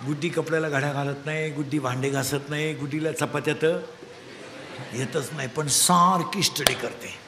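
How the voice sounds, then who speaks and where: A man voicing a boastful mother who brags about her daughter in a low, muttering gossip tone. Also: steady tone, moderate pace, roomy sound, in a large hall, noisy background, close to an everyday voice.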